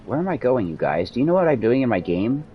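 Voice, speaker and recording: A man chatting casually with viewers and a friend while streaming a video game, greeting chatters loudly and rambling between moves. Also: mid-range voice, quick pace, dull audio, a crowd in the background. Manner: animated, loud greetings to chat viewers. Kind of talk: casual gaming stream chat.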